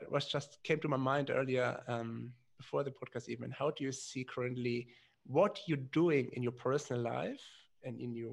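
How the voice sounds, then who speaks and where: A man's voice: medium pitch, gravelly. A man hosting a podcast interview, asking long, hesitant questions full of fillers and restarts. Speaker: podcast host.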